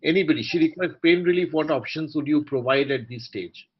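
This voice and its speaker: Man, Indian accent, formal moderator, polite, articulate, measured, dull webinar sound. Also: on the high side, slightly rough. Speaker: panel moderator and senior doctor. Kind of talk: formal online panel moderation. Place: online video call. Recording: dull, muffled video-call audio.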